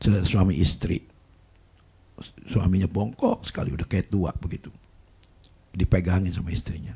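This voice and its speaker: A man preaching a sermon as pastor, telling a story and acting out the other people's lines in loud raised bursts. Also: low voice, steady tone, normal speed, vocal fry, slightly rough. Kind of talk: sermon with acted-out dialogue.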